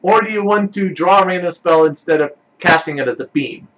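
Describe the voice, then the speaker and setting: A man's voice: fairly quick, dull audio. A man running a tabletop role-playing game as game master, casual and often laughing. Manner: animated, laughing, lively pitch swings.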